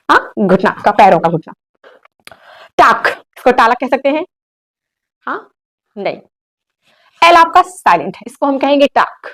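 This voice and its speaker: A young woman, an English teacher, giving a classroom lesson in Hindi and correcting words with quick rhetorical questions. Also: high voice.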